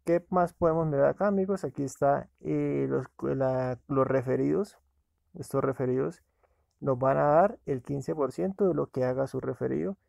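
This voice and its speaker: Gravelly man narrating an app walkthrough. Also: mid-range voice, normal speed, darkish tone, no room sound. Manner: casual, addresses viewers as friends. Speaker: app reviewer. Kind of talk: screen-recorded app walkthrough.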